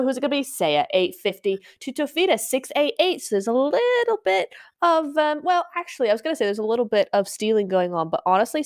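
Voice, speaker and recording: A woman casting a live esports match, chatty and exclaiming as she reads out stats with her co-caster. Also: medium pitch.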